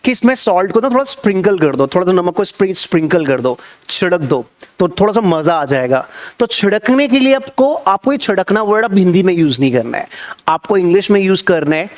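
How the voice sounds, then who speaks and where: A young man teaches kitchen vocabulary in a lively way, repeating each word and quizzing his listeners as he goes. His voice sits high for a man. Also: fairly quick. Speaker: spoken English teacher. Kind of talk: Hindi-language vocabulary lesson.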